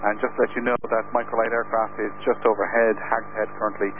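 Phone-like radio, clear noise, man, controller, polite traffic advisories. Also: lowish voice, flat delivery, quick pace. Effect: radio transmission.

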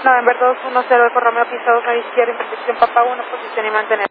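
A man's voice: very high voice, level tone, racing. A man working as an air traffic controller, giving procedural instructions over aviation radio. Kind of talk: procedural tower radio communication. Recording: tinny, noisy air-band radio.

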